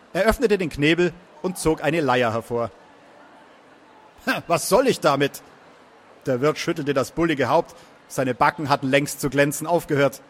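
A man reading a fantasy story aloud in a steady storytelling manner. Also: on the high side. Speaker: reader.

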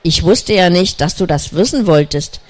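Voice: medium pitch, expressive, moderate pace, darkish tone, lightly acted. A storyteller voicing a cautious, grumbling creature in a children's story, who speaks hesitantly. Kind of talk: storybook reading.

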